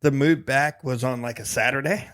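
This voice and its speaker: A man's voice: mid-range voice, normal speed, fairly bright tone. A man co-hosting a casual sports podcast, laid-back and swearing, calling his friend bro and dude. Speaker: podcast co-host.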